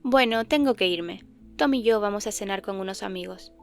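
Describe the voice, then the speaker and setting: A woman voicing the narrator's distracted adult sister, speaking briskly and a little louder and higher than the narration. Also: vocal fry, faint music behind, natural voice. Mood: offhand.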